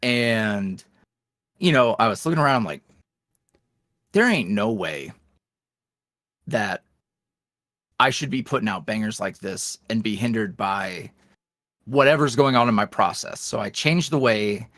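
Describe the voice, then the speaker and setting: Animated yet a little slow, with long pauses, the young guest speaks in a lowish, fairly bright voice. He creates roleplay content and rambles casually through the interview, self-reflective and heavy on fillers and restarts, in clean, echo-free studio audio.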